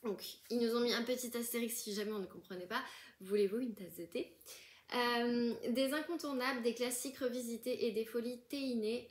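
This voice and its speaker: Young woman vlogging an unboxing, bit high voice, chatty and gushy, lots of euh. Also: slight background noise. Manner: chatty, many fillers and restarts, gushing. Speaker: book vlogger. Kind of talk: casual unboxing chat.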